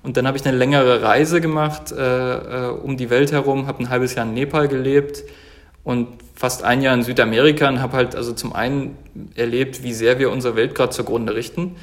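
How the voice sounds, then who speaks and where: A man's voice: medium pitch, fairly even intonation, normal speed. A man in his thirties from Germany, a company founder talking earnestly as an interview guest, with many fillers and restarts. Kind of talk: casual interview talk.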